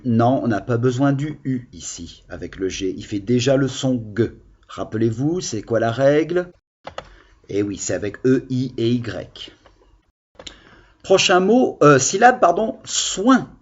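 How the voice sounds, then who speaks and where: A man's voice: medium pitch, breathy edge, dull audio. A man teaching children a reading lesson on video, explaining patiently and expressively. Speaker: primary school teacher.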